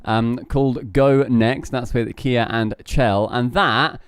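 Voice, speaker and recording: Smooth-voiced man teasing on a podcast. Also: medium pitch, steady tone, slow pace, dry recording, studio quality. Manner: joking, teasing banter. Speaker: podcast host. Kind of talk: casual podcast chat.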